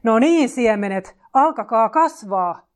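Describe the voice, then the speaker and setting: Picture a small, impatient storybook toad, fussing and anxious over a garden that will not grow, as a woman reads it aloud. The voice sits a touch higher and louder than a plain reading, and it bursts into shouts when it grows frustrated. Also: steady tone, close to an everyday voice. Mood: shouting.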